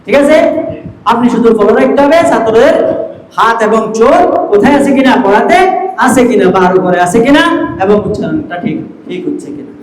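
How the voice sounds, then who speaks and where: A man's voice: very high voice, lively intonation, brisk. Male teacher, instructive, keeps asking checking questions; echoey room recording. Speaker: Quran reading teacher. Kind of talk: teacher training lesson. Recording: echoey room with faint noise.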